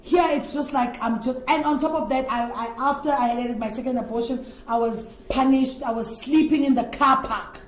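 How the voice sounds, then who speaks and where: A woman's voice: high voice, fairly even intonation, normal speed, hardly any pauses. A woman from Africa, an interview guest telling her personal story in an earnest, rambling way. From South Africa. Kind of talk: candid personal testimony. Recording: echoey room.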